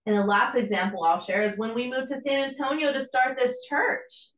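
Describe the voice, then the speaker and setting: A woman's voice: on the high side, fairly even intonation, moderate pace, fairly bright tone. A woman, giving a conversational, earnest devotional teaching with casual asides. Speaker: podcast host and church planter. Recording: echoey room.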